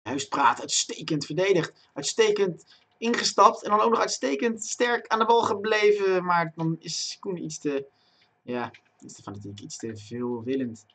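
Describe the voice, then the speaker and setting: Excitable young man narrating his match. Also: sits high, normal speed, husky. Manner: talks to himself and chat, bursts into loud excited shouting at chances. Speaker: gaming streamer. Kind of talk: live gameplay commentary. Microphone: desk microphone.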